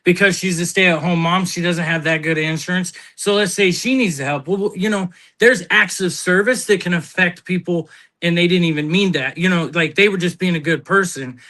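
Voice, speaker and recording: A man's voice: sits high, normal speed. A man telling stories in casual chat on a live talk show, blunt and swearing freely. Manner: blunt, animated storyteller who swears.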